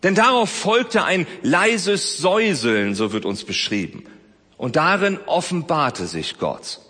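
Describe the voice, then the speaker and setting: A man preaching a sermon, swinging between loud emphasis and soft, close speech. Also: fairly high pitch, big pitch swings, slow pace, breathy edge, long reverb tail. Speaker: pastor.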